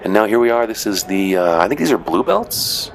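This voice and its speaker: Talking over clips of games he officiated, this man is very animated and brisk in a lowish voice. His chatty commentary wanders, full of "uh," "you know" and deadpan humor, with background noise audible.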